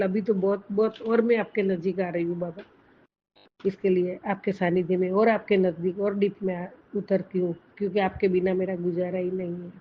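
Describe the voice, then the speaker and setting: A woman prays in a soft, reverent voice, her pitch held flat and even as she repeats her thanks. The recording is dull and lo-fi, with a faint hiss behind her. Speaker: devotee reading and answering messages. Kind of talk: devotional prayer and reading.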